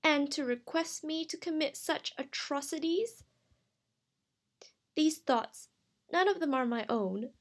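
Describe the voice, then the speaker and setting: A woman's voice: sits high, slow pace, long pauses, pitched above the performer's own voice. A woman voicing a haughty, insecure young witch who protests indignantly.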